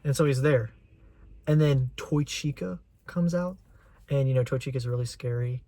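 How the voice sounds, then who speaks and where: A man's voice: mid-range voice, moderate pace, dry recording. Young male vlogger, mid-range voice, eager rambling fan chatter. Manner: excited, rambling fan talk. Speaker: channel host. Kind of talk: casual chat.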